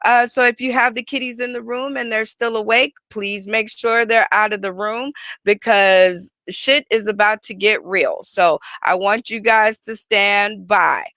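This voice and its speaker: Bright, slow-talking woman hosting. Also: medium pitch, fairly even intonation, no echo. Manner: playful, teasing announcer. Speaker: show host. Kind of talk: hosting a comedy showcase.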